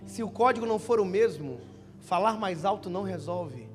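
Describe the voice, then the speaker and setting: A man's voice: high voice, expressive, moderate pace, in a large hall. A young man with a Brazilian Portuguese accent, preaching at a church youth conference and telling joking stories to the crowd. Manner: joking, storytelling, addressing listeners as brother. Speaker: pastor. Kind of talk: lively conference sermon. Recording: live church sound with music underneath.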